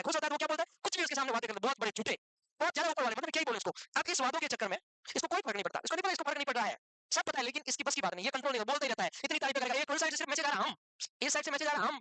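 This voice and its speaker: A woman's voice: high-pitched, no room sound, low-quality recording. A woman teaching a lecture, who asks herself questions and keeps checking whether her students have understood. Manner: lively explaining with everyday examples. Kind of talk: classroom lecture.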